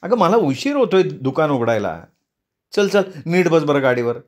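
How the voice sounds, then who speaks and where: A man's voice: on the high side, very animated, normal speed, a little mellow. A man voicing an impatient scolding son. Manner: scolding, nagging. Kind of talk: storytelling read-aloud.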